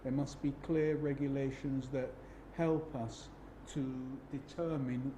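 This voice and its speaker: A man's voice: medium pitch, steady tone, takes it slowly, dark tone. A man speaking as a guest in a policy discussion, recorded in an echoey room with some ambient noise. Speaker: panel guest.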